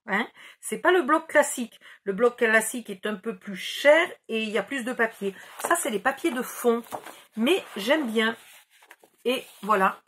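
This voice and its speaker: A woman's voice: fairly high pitch, expressive, unhurried, fairly bright tone, husky. A middle-aged woman chatting casually through a scrapbooking haul, rambling and mocking herself as she loses track. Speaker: scrapbooking YouTuber. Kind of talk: casual haul video chat.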